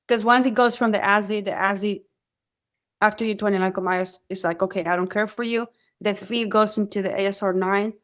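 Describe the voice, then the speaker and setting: A Mexican woman whose first language is Spanish tells her story in a conversational interview, appearing as a guest who works as a radar technician. Her voice sits at a medium pitch, and she narrates in an animated way, acting out the voices of people she quotes.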